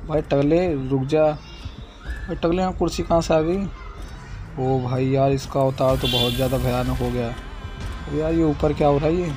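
A young man giving casual, excitable gameplay commentary, chatting in slang and scolding the game's baby character. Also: a little high, a little slow, music in the background. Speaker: gaming YouTuber.

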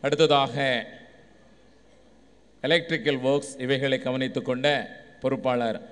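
A man announcing names at a church function in a measured, formal delivery. His voice is smooth and clear at a middle pitch, carried over a public address system. Long reverb trails after each phrase in the large hall. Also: fairly even intonation. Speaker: master of ceremonies.

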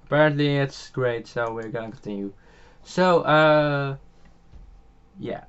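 A young man with a Dutch accent talks through a farming game in a loose, meandering way, stacking ums and uhs and restarting his sentences. His voice sits at a middling pitch. The home microphone sounds a little dull and muffled. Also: a little slow, fairly bright tone, clean tone. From Netherlands. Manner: rambling, many fillers and restarts, chuckles often. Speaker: gaming channel host. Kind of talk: casual gameplay commentary.

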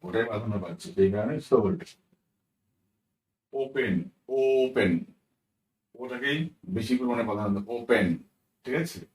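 Recorded with poor, reverberant audio far from the mic, a lowish-voiced man explains English pronunciation. He spells words out letter by letter, repeats them slowly and keeps asking "right?".

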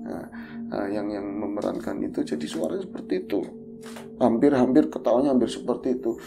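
A man, a podcast host casually retelling a horror story in a vivid, animated way. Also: mid-range voice, brisk, vocal fry, loud music behind the voice.

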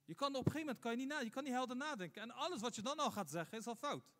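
A man's voice: very high-pitched, expressive, very fast, fairly bright tone. A man giving a Friday sermon as imam, asking rhetorical questions and repeating points for emphasis. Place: mosque. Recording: long hall reverb.

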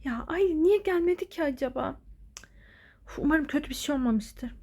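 A woman's voice: high voice, animated, normal speed. A woman doing an anxious, worried schoolgirl. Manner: anxious, hushed, urgent. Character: worried loyal schoolgirl friend.

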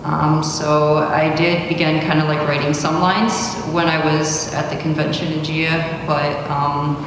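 A woman's voice: low-pitched, flat delivery, a little slow, noisy background. Hesitant young woman in an echoey hall. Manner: hesitant, many fillers when speaking. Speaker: open mic poet. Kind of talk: spoken word poetry reading. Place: large indoor hall, at a podium. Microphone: stand mic at podium, recorded by far camera. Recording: echoey hall recorded from far off.

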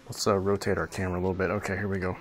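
A man's voice: sits low, little pitch movement, very fast, slight background noise. A man hosting a let's play, giving casual gameplay commentary in a laid-back, slangy way. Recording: game music faintly behind the voice.

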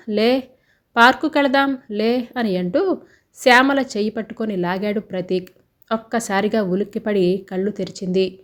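A woman reading a story aloud in an even, steady way. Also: mid-range voice.

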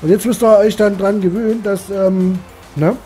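A man co-hosting a game video, calmly explaining how the tournament works to viewers. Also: high-pitched, normal speed, faint music behind. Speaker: let's play co-host. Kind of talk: casual gaming commentary.

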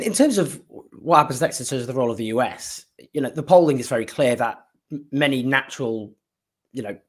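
A man's voice: mid-range voice, a bit bright. A man hosting a political interview, thinking aloud as he frames long questions. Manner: conversational, thinking aloud while framing questions. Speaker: host, interviewer.

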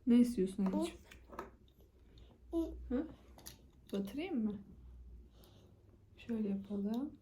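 A woman's voice: on the high side, animated, takes it slowly, long pauses, dark tone, slight background noise. A woman talking to a baby as a mother at mealtime, coaxing the child in short, repeated, casual phrases. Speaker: mother feeding her toddler.

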